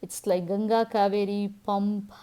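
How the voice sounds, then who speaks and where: A woman's voice: medium pitch, level tone, a little slow, dark tone, clean tone. Tamil-accented Indian woman vlogger. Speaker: home vlogger, host. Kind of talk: casual household vlog narration.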